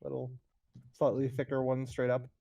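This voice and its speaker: A man's voice: mid-range voice, completely flat delivery, brisk, creaky, mellow. A man acting as game master, explaining a game map step by step, with fillers, over an online voice call. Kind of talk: describing a tabletop game map.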